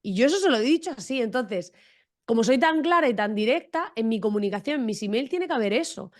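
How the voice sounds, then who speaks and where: A woman's voice: fairly high pitch, lively intonation, fast talker. A woman from Almería, Spain, talking frankly, directly and with humor as a guest in a podcast interview. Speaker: guest entrepreneur.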